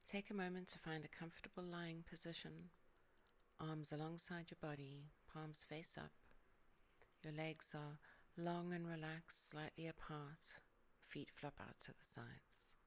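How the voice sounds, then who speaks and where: Softly and often dropping into a whisper, a yoga nidra guide leads a calm relaxation meditation. Her medium-pitched voice is unhurried and carries some vocal fry.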